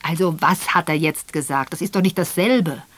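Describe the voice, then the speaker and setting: A woman voicing a blunt, frank old rich man who talks loudly and gruffly and gives orders. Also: deep voice, normal speed, dry recording. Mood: blunt, commanding.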